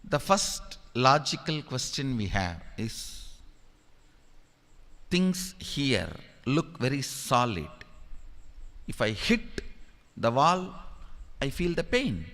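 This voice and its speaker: A male spiritual teacher delivers a discourse at an unhurried, deliberate pace, and his pitch swings widely as he stresses points. He keeps urging the audience to listen and asks them questions. His voice carries a long reverb, as if spoken in a large hall. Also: big pitch swings, a bit bright.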